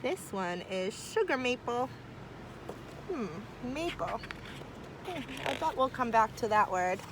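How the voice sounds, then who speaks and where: Reading to kids outdoors near trees, this woman teacher has a slightly high voice and a slow, warm delivery punctuated by lively asides as she works through a picture book. Background noise is present.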